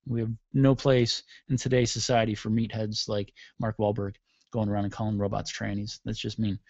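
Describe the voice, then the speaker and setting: A man's voice: on the low side, flat delivery, normal speed, a little mellow, no echo, dull audio. A middle-aged man hosting a radio show, delivering a sarcastic, mocking comedic rant on his own.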